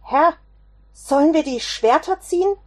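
A woman voicing a frightened male disciple who makes loud, flustered denials. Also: high voice, expressive, drawn-out words, pitched above the performer's own voice, heavily acted. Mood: alarmed.

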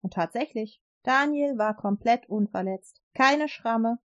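A woman telling a children's Bible story in a lively, expressive way. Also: fairly high pitch, a little slow, no room sound, highs cut off.

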